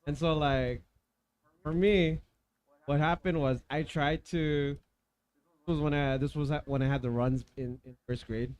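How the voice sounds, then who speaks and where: A man's voice: on the high side, fairly even intonation, a little slow, long pauses, a little mellow, clean tone. A man hosting a casual podcast stream, rambling through stories with many restarts. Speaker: podcast host. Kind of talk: casual chat.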